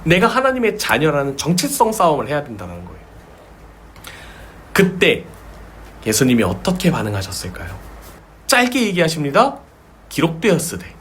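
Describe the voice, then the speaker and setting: Man preaching a sermon, lively pitch that jumps around, repeats key words to hammer them home. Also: moderate pace, long pauses, slight background noise. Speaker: pastor.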